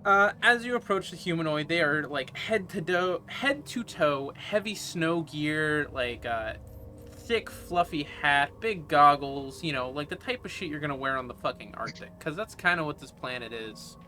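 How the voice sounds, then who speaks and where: Male game master, casual and sweary, bright, slightly high voice. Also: lively intonation, moderate pace, a little hiss or hum. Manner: casual, rambling, profane. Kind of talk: narrating a tabletop game.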